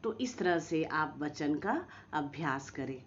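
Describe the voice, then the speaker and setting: Woman teacher for small kids, slow and sing-song, slightly muffled lo-fi recording. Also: low-pitched, a little hiss or hum. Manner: slow, drawn-out pronunciation of example words; lively, coaxing teacher tone with questions to children. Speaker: school teacher. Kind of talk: recorded online lesson for young children.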